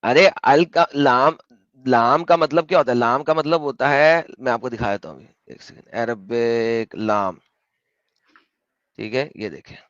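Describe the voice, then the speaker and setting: A man hosting an argumentative online debate, pressing his opponent with questions and spelling his points out slowly over a call. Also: medium pitch, fairly bright tone, no echo, highs cut off.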